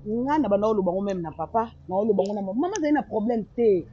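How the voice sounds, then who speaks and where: A woman's voice: medium pitch, expressive, rapid-fire, mellow, soft background music, close to an everyday voice. An actress playing a defensive young woman who repeats herself, in a film drama with dull lo-fi sound. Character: defensive young woman avoiding family trouble. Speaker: sister of the bride.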